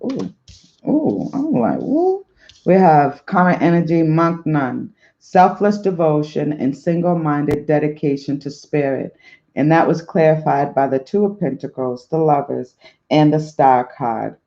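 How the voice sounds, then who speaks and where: A man giving a slow, encouraging spiritual tarot reading to his viewers, repeating affirming phrases, on a dull lo-fi recording. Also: on the high side, steady tone, mellow. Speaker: spiritual life coach and tarot reader.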